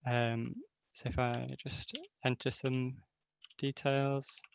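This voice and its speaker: A man giving a casual software demo over a video call while sharing his screen, with many filler words. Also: mid-range voice, level tone, slow pace, vocal fry, a little hiss or hum. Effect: voice heard over a video call while sharing his screen. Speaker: hackathon team member giving a demo. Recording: dull, dry video call audio.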